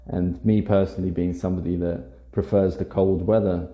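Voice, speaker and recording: Young guy from scotland w a general british accent, english teacher rambling casually, uh's and um's, deep mellow voice, kinda echoey room. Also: moderate pace. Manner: relaxed, rambling storytelling with fillers. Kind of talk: casual monologue for language learners.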